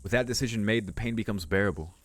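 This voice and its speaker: A man hosting a let's play races through visual novel narration in a lowish voice, tossing in casual commentary. Game music plays behind him.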